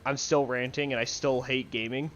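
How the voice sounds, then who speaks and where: A man's voice: mid-range voice, fairly even intonation, moderate pace, muffled recording, a little hiss or hum. A young man ranting casually about games he dislikes, profane, rambling and sarcastic, recorded on a headset mic in his bedroom. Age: young adult. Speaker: gaming video ranter. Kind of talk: casual rant to camera.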